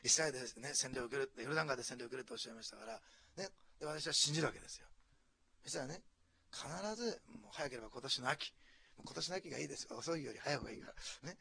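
A male pastor from preaching a sermon, dropping to hushed asides and then rising to loud, animated exclamations. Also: mid-range voice, racing, creaky, husky. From Japan, Osaka.

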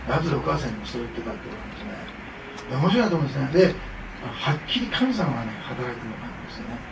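Creaky and sing-song at a medium pitch, a pastor rushes through a conversational sermon peppered with fillers and asides. The setting is a church hall with echo, the microphone sits far off, and background noise is present.

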